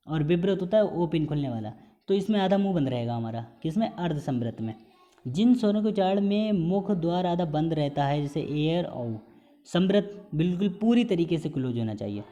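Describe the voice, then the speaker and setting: A man with a mellow, warm voice gives a recorded exam-prep lesson. He explains each point patiently and stretches out sounds to demonstrate pronunciation, slipping English terms in among his explanations. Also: fairly high pitch, highs cut off. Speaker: Hindi teacher.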